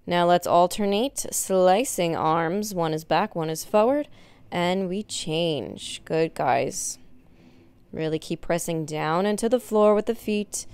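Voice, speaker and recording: A woman's voice: lowish voice, slow pace, a little mellow, clear, resonant tone, no echo. A young woman instructing an at-home workout like an aerobics instructor, giving encouraging cues as she exercises along. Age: young adult. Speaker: fitness instructor. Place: indoor wood-floored exercise studio.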